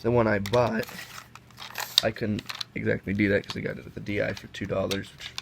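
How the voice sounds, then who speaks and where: Here a sick, sniffly young man compares toys by hand at a table inside, chatting in a rambling way and correcting himself as he goes. His delivery is low, gravelly, flat, and brisk. The recording is noisy home audio from a camera mic that sits off-screen above the table.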